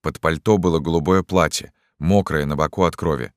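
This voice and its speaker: A man narrating an audiobook in an expressive, dramatic way. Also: very deep voice, a little fast, no room sound, studio quality.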